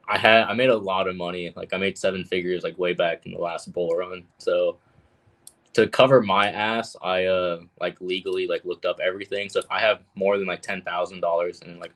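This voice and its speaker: A man's voice: low voice, a bit bright. A man talking casually as a guest on a livestream, filling his speech with "like". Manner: loose, heavy use of "like".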